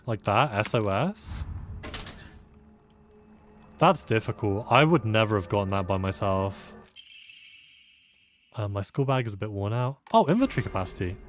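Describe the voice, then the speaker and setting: A gameplay streamer with a lowish, animated voice works through a puzzle aloud at a moderate pace, pausing often, in casual let's-play commentary. He comes across sleepy and self-deprecating, with slight background noise in the audio.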